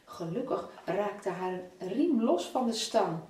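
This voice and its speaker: A talkative young boy, as a woman reads him aloud, friendly and quick in a children's storybook. The lively voice bounces around a roomy space, set back from the mic. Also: mid-range voice. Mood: chatty. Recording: roomy, from a distance.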